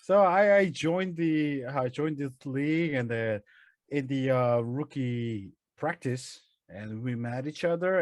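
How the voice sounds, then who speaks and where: Korean guy cohosting a podcast, talks slow in english, lots of pauses, pretty dry sound. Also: medium pitch, a little mellow, dry recording. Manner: halting, searching for words. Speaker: podcast co-host. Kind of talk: casual podcast chat.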